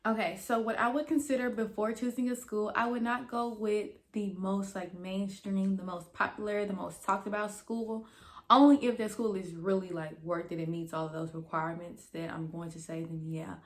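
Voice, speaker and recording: A woman's voice: medium pitch, steady tone, normal speed. Young woman vlogger talking with a retainer in. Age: young adult. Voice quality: slightly impeded speech from a dental retainer. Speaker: YouTube host and esthetician student. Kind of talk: casual chatty vlog to camera.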